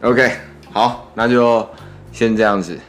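A man's voice: lowish voice, fairly even intonation, slow, faint music behind. A man in his twenties with a Taiwanese Mandarin accent hosts a casual, laid-back podcast chat, his articulation slightly muffled by braces on his teeth. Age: 20s. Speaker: podcast host.

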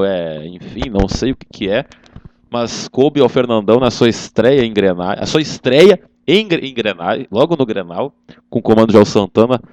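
A man's voice: medium pitch, darkish tone, dry recording. A man hosting a casual football chat, conversational and often adding tag questions. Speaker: football show host.

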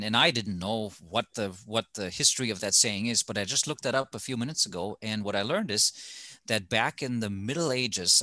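German-accented tv guy, bright voice, dry sound, chatty, lots of uh's. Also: mid-range voice, no room sound. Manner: storytelling, thoughtful with many fillers. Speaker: TV host. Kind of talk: casual studio chat.

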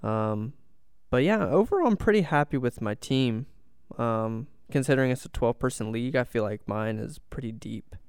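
A man's voice: mid-range voice, lively intonation, normal speed, a little mellow, smooth, no room sound, clean studio sound. A man co-hosting a podcast, talking casually about football picks in an upbeat, agreeable way. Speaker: podcast co-host. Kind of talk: casual sports chat.

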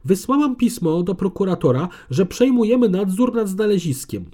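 A man reading an audiobook, voicing an arrogant, aggressive female heritage conservator who shouts. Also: sits high, big pitch swings, moderate pace, pitched above the performer's own voice. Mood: furious.

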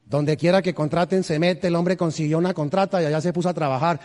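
A man's voice: fairly high pitch, steady tone, fast talker, darkish tone. A man from Colombia, preaching a humorous storytelling sermon and quizzing the congregation. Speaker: pastor. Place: large church in Houston. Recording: reverberant church hall.

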